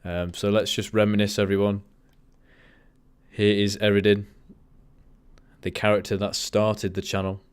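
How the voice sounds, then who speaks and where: A man hosting a livestream, chatting casually in a monotone way and often drifting off topic. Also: lowish voice, unhurried, long pauses, clear, resonant tone, no room sound. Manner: rambling, easily sidetracked. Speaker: livestream host.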